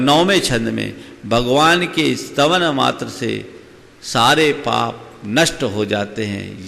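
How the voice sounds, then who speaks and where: A man preaching in a slow, measured way, his voice gravelly at the edges. He explains carefully and checks that his listeners follow. A long reverb hangs behind him, as in a big hall. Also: medium pitch, a bit bright. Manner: slow, deliberate teaching with questions to the audience. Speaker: Jain monk giving a discourse. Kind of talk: sermon.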